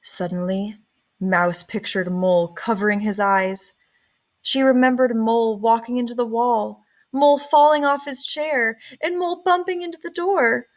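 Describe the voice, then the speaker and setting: A woman with a fairly high voice reads a children's story aloud, narrating expressively and deliberately like a storybook reader.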